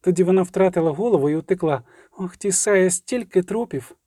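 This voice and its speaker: Знесилена чаклунка у виконанні чоловіка-читця говорить розгублено й важко, високуватим темним голосом. Без відлуння, сухо. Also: male voice, high-pitched, a little fast, mellow, no echo, studio quality. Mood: shaken. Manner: weary, shaken, recounting. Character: wounded, exhausted female sorceress.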